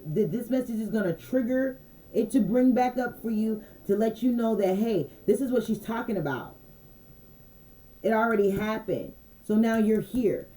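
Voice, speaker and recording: On a casual channeled-message livestream, a woman with a slightly high voice gives intuitive card readings, relaxed and conversational. She repeats phrases and keeps checking in with viewers, asking "you dig me?" The audio is poor.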